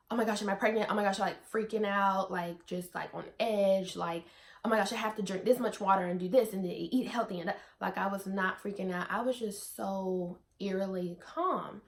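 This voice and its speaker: A young adult woman vlogging, telling a personal story casually to the camera with lots of fillers and asides to viewers. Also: mid-range voice. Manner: chatty, many "like" fillers, addresses viewers as you guys.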